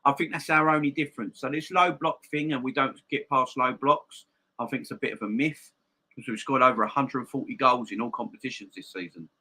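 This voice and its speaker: A man with a very bright, forceful voice and a slight gap-toothed lisp chats to viewers as a football stream host. He is emphatic and often repeats a phrase to drive it home. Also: medium pitch, fairly even intonation, brisk, breathy edge, rough recording. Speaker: football fan channel live stream host. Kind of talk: casual live-stream chat and football opinion, addressing viewers.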